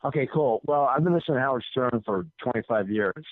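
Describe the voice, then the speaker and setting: A man's voice: medium pitch, quick pace, no room sound. Rambling male caller on a tinny phone line. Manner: rambling, profane, repeats himself. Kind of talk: casual call-in storytelling.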